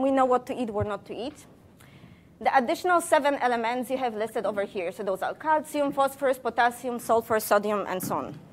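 Giving a public science talk, a scientist speaks in a somewhat high voice and keeps it playful. She fires questions at the crowd, works jokes in among the facts, and sounds lively and conversational throughout.

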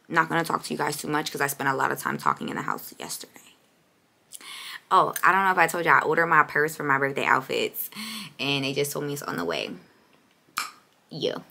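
A hoarse young woman talks to her camera in a casual, slangy vlog, playful and sassy. Her voice sits low and gravelly with a bright, sharp edge, and she keeps clearing a raspy throat. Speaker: vlogger.

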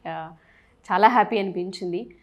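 A woman's voice: medium pitch, normal speed, dull audio. A woman hosting an interview, respectfully greeting her guest and setting up questions for him. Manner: respectful, sets up topics for the guest. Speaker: interview host.

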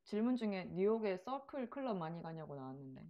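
A woman's voice: fairly low pitch, very animated, fairly quick, lo-fi sound. A woman in her thirties asking questions in a casual, conversational interview. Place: small living room, on a sofa indoors.

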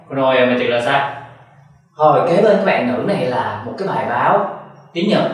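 A man teaching a language lesson, asking questions and answering them himself, and repeating example sentences slowly for drilling. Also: medium pitch, fairly bright tone. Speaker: Japanese teacher. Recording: very echoey room, far from mic.

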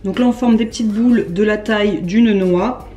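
A woman's voice: medium pitch, moderate pace, dark tone. Chatty woman in an echoey kitchen. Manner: chatty, explains as she cooks. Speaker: cooking vlogger. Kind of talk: casual cooking vlog. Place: home kitchen, indoors. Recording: echoey kitchen, music behind.

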